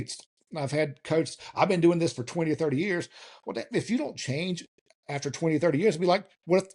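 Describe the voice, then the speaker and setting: An older man with a soft Southern US accent, a strength coach ranting in a rambling way in a casual podcast chat. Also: on the high side, breathy edge. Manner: rambling, ranting delivery with restarts.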